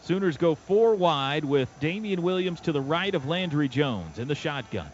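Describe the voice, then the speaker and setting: An American man with a slightly high, animated voice calls a live football game on radio at normal speed, speaking in short, clipped present-tense bursts as the play-by-play announcer. He's in a stadium radio booth, and the broadcast sounds dull and noisy, with clear outdoor stadium noise behind him.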